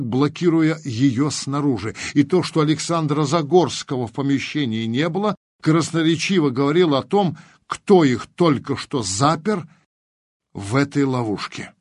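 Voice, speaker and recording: A man narrating an audiobook in a measured, dramatic reading. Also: a little high, a little mellow, breathy edge, no room sound, clean studio sound.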